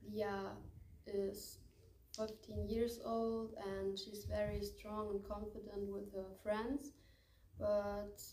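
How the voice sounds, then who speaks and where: A young teenage girl with a German accent presents a story carefully and haltingly. Her delivery is very flat and slow, recorded slightly off the mic in an echoey room with faint noise. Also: mid-range voice, recorded from a distance. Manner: careful, halting non-native English. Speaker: student storyteller.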